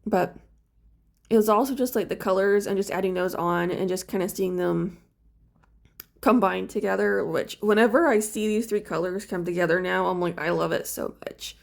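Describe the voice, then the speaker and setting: A woman's voice: medium pitch, brisk, vocal fry. A woman who just woke up, chatting casually and rambling with lots of fillers while she paints a small figure for her vlog. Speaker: crafts vlogger.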